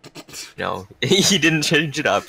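A man's voice: a little high, very animated, slow, vocal fry, sharp tone, a little hiss or hum, poor audio. A man casually commenting on a match over gaming voice chat.

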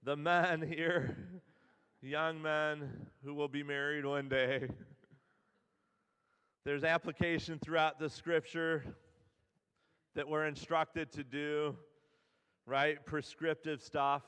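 Male pastor, high-pitched, chatty storytelling sermon, long church reverb. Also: level tone, slow pace, pauses often, fairly bright tone, clean tone. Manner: casual storytelling, paraphrasing characters in everyday speech. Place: church sanctuary.

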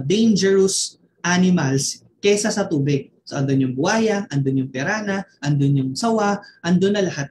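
A man's voice: fairly high pitch, echoey room, slight background noise. A man with a Filipino accent, a network marketing mentor giving a motivational online training, telling a story and tossing constant tag questions to his listeners.

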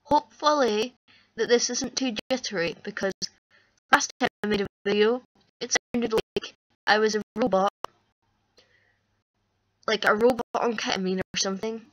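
Her voice is on the high side and crackly, moving at normal speed with long pauses and no room sound. She's a young adult vlogger in a small dim room, chatting and rambling self-deprecatingly close to a webcam or laptop mic.

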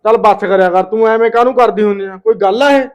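A man with a Punjabi accent playing a harried husband and caring older brother, talking in a quick, gruff way. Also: high-pitched, fairly even intonation, a little mellow, lightly acted. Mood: arguing. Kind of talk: comic family drama acting.

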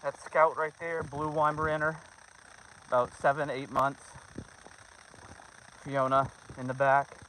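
A middle-aged man livestreams a family dog hike on a snowy trail, holding his phone and chatting informally with viewers, his son, and the dogs. His mid-range voice stays fairly flat and sharp-toned, moving at a measured pace with frequent pauses. The low-quality outdoor phone audio carries clear background noise.

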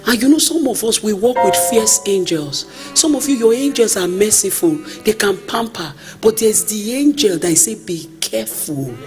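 A woman preaching a storytelling sermon, acting out the people in her stories and sometimes slipping into a sung cadence. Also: on the low side. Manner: lively storytelling, acts out the people she quotes, drifts into a sung cadence. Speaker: prophetess preaching. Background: music.

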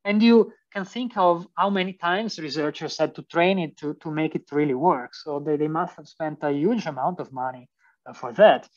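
A man's voice: fairly high pitch, normal speed. A young man with an Italian accent, a PhD student giving a university lecture, hesitant with many fillers and restarts. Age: young adult. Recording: distant, dull lo-fi sound.

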